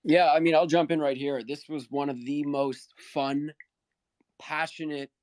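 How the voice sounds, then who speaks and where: Brief: smooth, dry-voiced man, eager and warm in tone. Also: fairly high pitch, fairly even intonation, measured pace, no room sound. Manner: enthusiastic, thankful. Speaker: project team member. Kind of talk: casual live audio-room talk. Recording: online audio-room stream.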